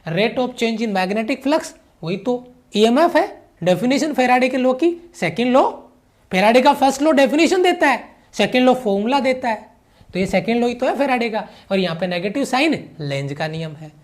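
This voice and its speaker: A man's voice: very high-pitched, lively intonation, moderate pace. A man giving an online physics lecture who repeats key phrases, mixes English physics terms into his explanation and keeps checking that the students follow. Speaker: physics teacher.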